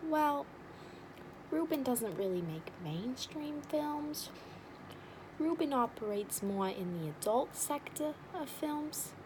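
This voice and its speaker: A woman's voice: high-pitched, animated, takes it slowly, noisy background, voice pushed up. A woman playing a blunt, nosy, wisecracking matchmaker in an ASMR role-play, with an overdone regional accent and teasing sales patter. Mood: persuasive.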